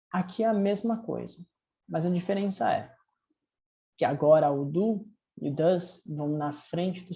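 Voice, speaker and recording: Mellow Brazilian teacher explaining grammar. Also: mid-range voice. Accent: Brazilian Portuguese. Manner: patient, explains step by step and checks in often; reads English drill sentences slowly and clearly. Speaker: English teacher. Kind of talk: recorded language lesson.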